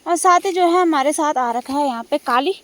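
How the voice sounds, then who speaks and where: A woman's voice: high-pitched, brisk, a bit bright. Chatty young woman vlogging outdoors. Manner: chatty, explaining to viewers while cutting grass. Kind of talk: casual vlog narration. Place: outdoors in hill farm fields.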